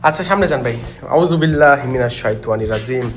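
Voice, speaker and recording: A man's voice: mid-range voice, lively intonation, brisk, roomy sound, big-room sound, faint music behind. A young man hosts a ghost-hunting vlog in an abandoned hospital at night, pleading in fear and murmuring prayers. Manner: frightened, pleading, murmurs prayers under his breath. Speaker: paranormal vlog host.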